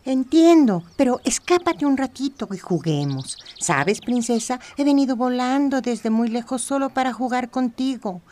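A woman's voice: sits high, animated, normal speed, hardly any pauses, dark tone. A woman voicing a playful, friendly magic butterfly in a children's audio story. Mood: playful, coaxing.

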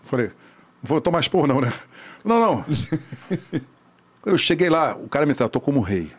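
A man telling a lively anecdote about his acting career, acting out the other people's voices. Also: mid-range voice, normal speed, slightly rough. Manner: animated storyteller, acts out voices. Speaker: actor telling a story. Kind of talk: casual anecdote.

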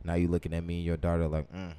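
Man in his thirties, very low voice, dark mellow tone, crude joking storyteller, casual podcast chat, close to the mic. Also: completely flat delivery, racing, smooth. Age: 30s. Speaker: podcast co-host.

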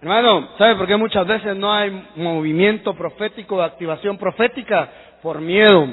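A man preaching fervently to his congregation, raising his voice to shouts and speaking to them directly. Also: sits high, moderate pace, husky. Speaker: pastor. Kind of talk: sermon. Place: church hall. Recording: dull lo-fi recording in echoing hall.

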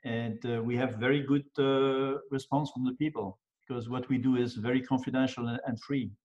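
Older guy mentor, slow and methodical, lists things off, sounds kinda muffled lo-fi. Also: mid-range voice, steady tone, darkish tone. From Belgium. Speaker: business mentor guest. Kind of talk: casual interview talk.

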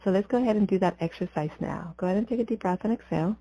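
A woman guiding a breathing meditation as a spiritual coach, in a soothing mystical healer manner with deliberate pauses. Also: mid-range voice, mellow, slightly rough, no echo. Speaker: podcast host and spiritual coach. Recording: slightly dull, muffled lo-fi audio.

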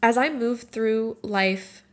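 Tired and in tears, a woman in her twenties from Morocco reads her own writing aloud as part of a personal reflection. Her pitch sits fairly high, and she speaks haltingly and emotionally, restarting again and again.

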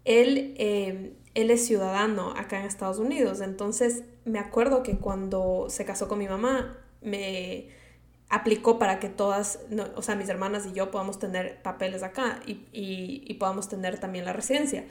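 A woman's voice: medium pitch, steady tone, normal speed. A woman in her twenties from Ecuador with an Ecuadorian Spanish accent, hosting a casual personal podcast monologue, chatty and rambling, slipping in English words. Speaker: podcast host. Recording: echoey room.

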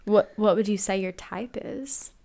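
A woman's voice: mid-range voice, measured pace, gravelly, dark tone. A young woman in casual podcast chat, giggly and loose, packing her sentences with "like" and trailing off as she thinks. She keeps an everyday, mid-range voice. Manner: giggly, filler-heavy, lots of "like". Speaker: podcast co-host.

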